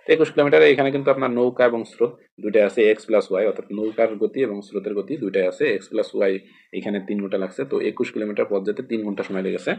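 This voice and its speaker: Brief: male exam tutor, Bangladeshi accent, husky low voice, rambling with repeats. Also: rapid-fire, a little mellow. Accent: Bangladeshi Bengali. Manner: rambling, repeats and spells out words, many fillers. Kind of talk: casual explanatory lesson.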